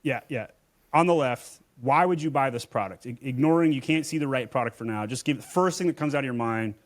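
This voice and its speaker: A man's voice: medium pitch, a little fast. A man, an Amazon seller and agency owner, speaking as a guest in a casual podcast conversation in a blunt, emphatic way.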